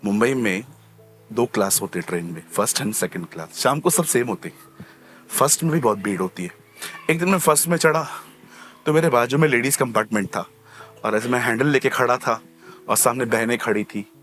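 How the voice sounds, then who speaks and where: A man preaching as a pastor, lively and humorous, acting out little scenes and repeating key phrases for emphasis. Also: medium pitch, brisk, faint music behind. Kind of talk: sermon.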